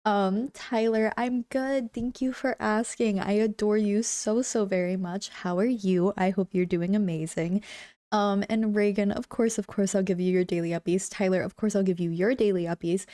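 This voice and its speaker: Streaming from home, a young woman with a warm, medium-pitched voice chats casually with her viewers and their live chat. She's bubbly and talkative, sounds a bit congested, and says "like" and "um" a lot.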